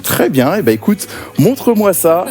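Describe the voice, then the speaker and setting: A man leading a guided workout class, giving energetic, encouraging cues and counts. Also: high-pitched, moderate pace. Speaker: fitness coach.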